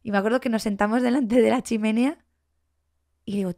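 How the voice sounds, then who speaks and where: A woman's voice: fairly high pitch, quick pace. A woman in her forties with a Spanish accent from Spain, a podcast guest telling her own story candidly and with feeling, acting out what people said. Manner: emotional, animated, acts out past dialogue.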